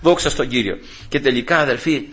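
A man's voice: mid-range voice, a bit bright. A man preaching an impassioned evangelical sermon, calling out praise and rising to fervent cries.

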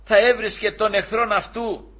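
A man's voice: high voice, steady tone, pushed and bright, husky, voice pushed up, exaggerated voice. A man voicing a hard older king who speaks emphatically, in a plain storytelling voice. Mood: moved, emphatic. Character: older male king, harsh but moved.

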